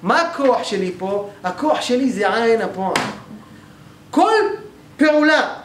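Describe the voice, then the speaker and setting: Male teacher, high-pitched, lectures methodically and keeps checking in with students; roomy, echoey sound with faint noise behind. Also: expressive. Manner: explains step by step, often checks with the class. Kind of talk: grammar class lecture. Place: synagogue hall.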